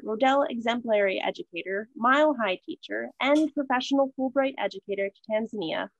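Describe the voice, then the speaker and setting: Higher-voiced woman reading introductions. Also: no echo. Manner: steady, scripted reading with small slips. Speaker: event moderator. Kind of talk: read-out speaker introductions. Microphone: video call. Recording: dull, dry video call audio.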